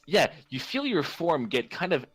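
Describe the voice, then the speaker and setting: A man's voice: a little high, very animated, normal speed, a bit bright, low-quality recording. A man narrating as game master in a tabletop role-playing game, in a loose, rambling way.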